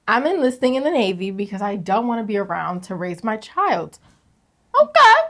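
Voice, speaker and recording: A young woman co-hosting a casual podcast, reading confessions aloud, animated and slangy, laughing often. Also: medium pitch, a little fast. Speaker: podcast co-host.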